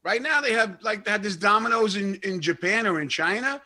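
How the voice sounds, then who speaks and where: A man with a Brooklyn accent, a comedian co-host who rambles excitedly with lots of "I mean.". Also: sits high, a little fast. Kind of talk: casual interview chat.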